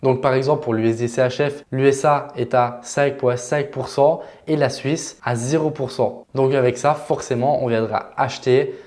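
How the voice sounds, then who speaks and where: Un homme à la voix de hauteur moyenne explique des notions d'économie à des débutants. Son ton est familier et détendu, parsemé de petites hésitations. Il tutoie et vouvoie son public comme un formateur en ligne. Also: male voice, mid-range voice, normal speed, few pauses. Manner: relaxed, chatty explaining with filler words. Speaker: trading educator. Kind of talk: casual explanatory lesson.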